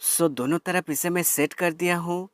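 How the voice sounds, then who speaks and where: Over soft background music, a man with a fairly high, steady, fairly bright voice talks at normal speed. He is a tech reviewer narrating a step-by-step installation tutorial for a product, addressing his viewers as friends and dropping in English words as he instructs.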